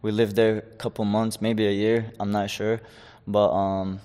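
A man's voice: lowish voice, level tone, measured pace, warm tone, clean tone, in a large hall. Young man from Chechnya, rambling fighter. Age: 20s. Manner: loose, rambling, many fillers and restarts. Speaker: guest, amateur fighter. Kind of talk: casual interview.

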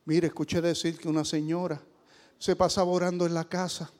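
Man, preacher, high-pitched, emphatic sermon, reverberant hall. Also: level tone, brisk. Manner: emphatic, swings from low asides to loud exclamations. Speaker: pastor.

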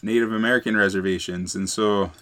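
A young man answering interview questions in a relaxed, casual way, full of "like". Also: lowish voice, fairly quick, a crowd in the background. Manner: relaxed, many fillers like "like". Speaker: guest.

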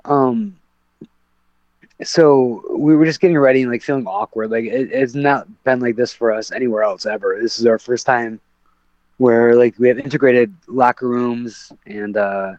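A man with a medium-pitched, somewhat dark voice speaks at a normal speed as a podcast guest. He's a professional MMA fighter telling a rambling, casual story packed with fillers and restarts, captured in a dull, dry, lo-fi recording.

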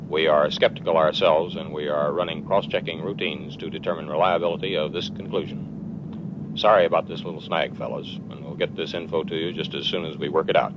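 Mission controller speaks over a radio transmission, his voice very low and his manner measured and businesslike, like formal radio procedure. The film sound is muffled and dull, with a steady engine rumble and hiss underneath. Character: calm male mission controller on a radio link.

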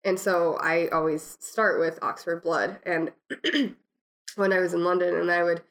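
A young adult woman with a cold, her voice deeper and chesty, chatting casually and informally about music. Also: fairly even intonation, a little slow, a bit bright. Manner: frequent "like", informal. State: has a cold, tickly throat, coughing.

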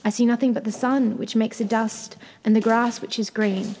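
A woman's voice: a little high, steady tone, normal speed, darkish tone, slight background noise, natural voice. A woman voicing an anxious, watchful sister calling out in a storybook fairy tale. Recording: long hall-like reverb.

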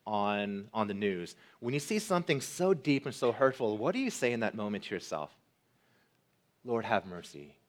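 A man preaching a sermon as pastor, earnest, building to emphatic peaks and then dropping quiet. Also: fairly low pitch.

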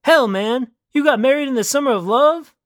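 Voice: high-pitched, moderate pace, a bit bright, no room sound, pitched above the performer's own voice. A reader voicing a crude, laid-back young man who talks in slang, calling everyone man and girl, in a dry close recording. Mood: grumpy, groggy. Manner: drawling street slang, calls people man and girl. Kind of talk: storybook reading.

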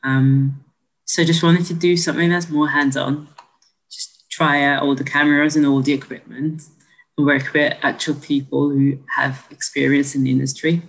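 A woman's voice: sits low, little pitch movement, normal speed, rough recording. A young woman from Hungary, a podcast guest, chatting in an upbeat, friendly way. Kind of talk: casual chat.

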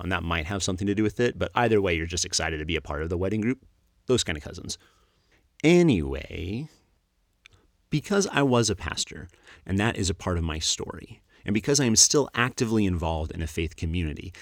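A middle-aged man hosting a podcast, reading a reflective script in an earnest, measured way with dry humorous asides. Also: deep voice, dry recording. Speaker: podcast host, former pastor.

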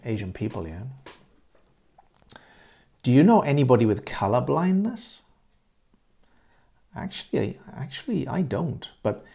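A middle-aged man from England talks through conversation questions like a patient teacher, repeating phrases so learners catch them. His voice sits low and mellow with a gravelly edge, and he takes his time. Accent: English. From Great Britain. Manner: repeats words and phrases slowly and clearly for learners. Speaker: English teacher. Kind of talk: conversation-practice lesson, asking and answering questions.

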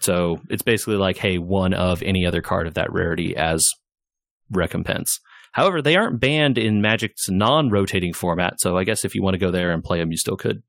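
A man co-hosting a podcast, chatting casually about gaming news in a relaxed, rambling way. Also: low voice, fairly quick, creaky, no room sound, clean studio sound. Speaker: podcast co-host.

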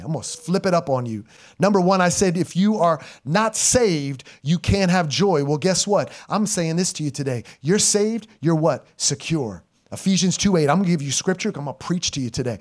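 A middle-aged male pastor preaching a sermon in church, moving from loud, emphatic exhortation to quiet, intimate asides, with informal slang. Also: fairly high pitch. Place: church sanctuary. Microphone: live stream church mic.

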